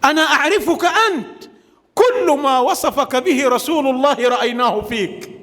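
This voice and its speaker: A man's voice: very high-pitched, normal speed, a bit bright, voice pushed up. A man voicing a stern, commanding ruler who presses with questions. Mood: insistent. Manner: raised, questioning, insistent. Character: stern commanding male caliph, insistent. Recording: long hall reverb.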